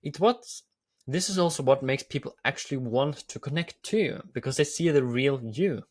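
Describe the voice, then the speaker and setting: A man with a Norwegian accent hosts a video, explaining lessons in an eager, upbeat way. His voice is mid-pitched and plain, and he leans on repeated phrases for emphasis. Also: normal speed, darkish tone. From Norway. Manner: enthusiastic, repetitive phrasing. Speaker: YouTube host. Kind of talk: commentary.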